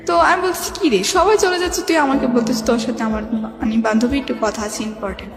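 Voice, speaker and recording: With a high-sitting voice and a fast delivery, a young Bangladeshi-accented woman recounts her life story informally as a guest. She rambles and often quotes what people said to her. The recording has a reverberant hall echo, with music behind.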